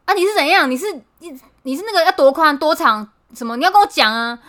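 A woman doing a gruff old shopkeeper barking. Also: high voice, expressive, fast, fairly bright tone, pitched above the performer's own voice. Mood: scolding. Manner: barking and scolding.

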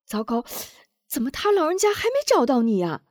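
A woman's voice: medium pitch, lively intonation, a little slow, a little mellow, no room sound, clean studio sound. A woman voicing an earnest middle-aged mother in a storybook tale, explaining things at length. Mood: flustered.

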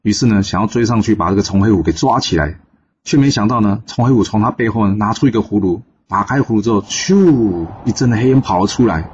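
A man's voice: on the low side, quick pace, a little mellow, dull audio, slight background noise. A man telling a classic tale in a casual, chatty storytelling manner with many fillers. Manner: chatty, filler-heavy narration.

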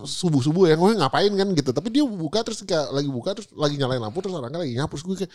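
A man in his thirties co-hosting a podcast, telling stories in animated bursts, swearing and acting out quotes. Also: on the high side, rapid-fire. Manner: animated storytelling, swears a lot, acts out quotes. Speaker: podcast co-host. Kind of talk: casual chat.

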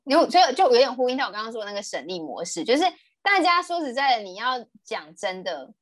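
A woman in her late twenties with a Taiwanese Mandarin accent, co-hosting a casual podcast chat, chatty and quick to laugh, often restarting her sentences. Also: a little high, very animated, a bit bright. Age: late 20s. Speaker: podcast co-host.

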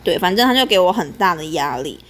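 A woman's voice: fairly low pitch, expressive, quick pace, fairly bright tone. A young woman, telling a story as a podcast host in a chatty, aggrieved way.

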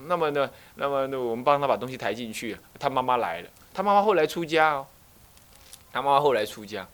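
A Buddhist abbot speaking Mandarin with a Taiwanese accent, delivering a dharma talk in a high voice that leaps up and down. He keeps firing rhetorical questions at his listeners and slips into acted voices of family members. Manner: animated, with rapid rhetorical questions to the audience.

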